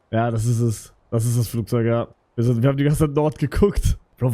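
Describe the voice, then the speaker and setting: A young man live streaming, talking casually in German youth slang, swinging from loud excited shouts to low mutters.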